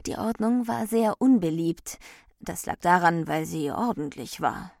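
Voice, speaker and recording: A woman reading a fable aloud in clear, measured storytelling narration. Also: lowish voice, expressive, a little mellow, no echo. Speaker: storybook reader. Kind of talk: scripted narration. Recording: dry close recording.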